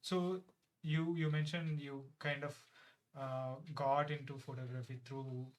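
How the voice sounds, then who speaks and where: A man's voice: medium pitch, flat delivery, measured pace. A man with an Indian accent hosting a casual interview, asking questions and chiming in with brief agreement. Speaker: podcast host.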